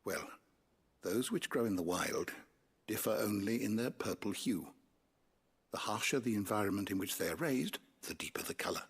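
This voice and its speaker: A man's voice: lowish voice, animated, breathy edge, full character voice. An actor playing a learned, courtly man who speaks in a formal, old-fashioned way in game dialogue. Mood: earnest. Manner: measured, formal, archaic phrasing.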